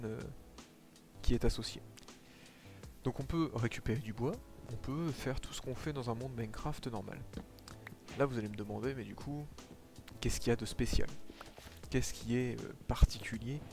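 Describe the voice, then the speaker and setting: A man's voice: medium pitch, gravelly, a little mellow. A man streaming a game live, talking casually to his viewers and explaining as he plays, with lots of fillers. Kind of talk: casual gameplay commentary. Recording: faint music behind.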